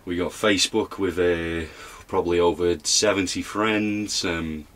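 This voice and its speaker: Man playing a young lout, very deep voice, rambling, mumbling, boastful, comedy interview. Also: steady tone, a little slow, fairly bright tone. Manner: rambling, mumbling, full of fillers. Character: dim, boastful young male lout, rough-mannered. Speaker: interview guest.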